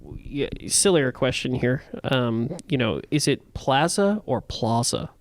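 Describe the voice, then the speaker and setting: A man hosting a podcast, asking quick questions in a jokey, playful way. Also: mid-range voice, expressive. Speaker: podcast host. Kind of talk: casual podcast interview.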